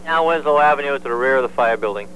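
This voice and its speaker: A man's voice: mid-range voice, very fast. A man working as a fire alarm dispatcher, making urgent, terse, formal radio calls and repeating each message. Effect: two-way radio. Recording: very noisy emergency radio with hum. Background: hum and radio noise.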